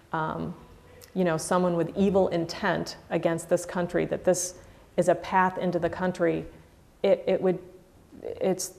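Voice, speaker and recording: A woman speaking in a measured, thoughtful way with occasional fillers in a documentary interview. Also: on the low side, creaky, warm tone.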